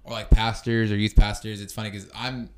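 A young man as a guest, chatting in a relaxed, laid-back way with lots of "like". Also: on the low side, brisk, soft background music. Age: young adult. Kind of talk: casual chat.

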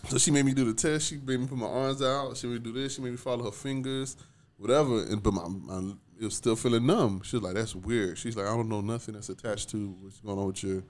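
A man from South Florida co-hosts a podcast, speaking at a medium pitch with fairly even intonation and a slightly mellow quality. He tells stories fast with few pauses, in a loose, laid-back, casual chat, laughing often.

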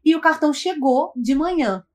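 A Brazilian woman with a Brazilian Portuguese accent telling a personal story in casual chat, animated and dramatic, swearing freely. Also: sits high, moderate pace.

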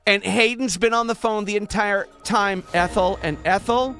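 A male radio host running a call-in segment, brisk and wry, taking charge of the callers. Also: high voice, bright, forceful tone, smooth, faint music behind.

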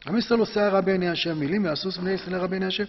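A man giving a Torah lesson to a class, impassioned and emphatic, rising to forceful peaks. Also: high-pitched, steady tone, a little hiss or hum. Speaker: Torah teacher. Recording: dull lo-fi sound with long hall reverb.

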